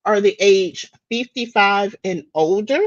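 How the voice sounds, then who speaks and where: A woman's voice: mid-range voice, measured pace, no room sound, highs cut off. A woman from the United States presenting daily facts in a casual live-stream chat, talking freely with restarts and fillers. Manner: chatty, with frequent restarts and fillers.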